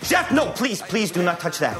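An actor playing a stressed young head chef in rapid-fire TV drama dialogue, pleading yet commanding. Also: male voice, high voice, big pitch swings. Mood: exasperated, pleading. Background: music.

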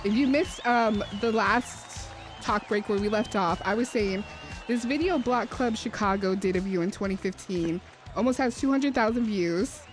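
A woman's voice: mid-range voice, normal speed, soft background music. A woman hosting a casual radio interview from a studio. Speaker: radio host.

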